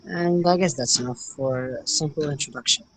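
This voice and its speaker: Young man, interview guest on a call, careful and measured, faint noise. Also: fairly high pitch, a bit bright, poor audio. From Morocco. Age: young adult. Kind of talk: interview answers.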